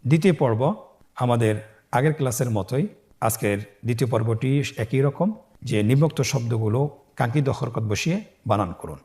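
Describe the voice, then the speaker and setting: A man teaching Quran reading in a calm, step-by-step spelling lesson, explaining patiently and chanting out syllables slowly when sounding them. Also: mid-range voice. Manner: drawn-out, raised chanting when sounding out letters.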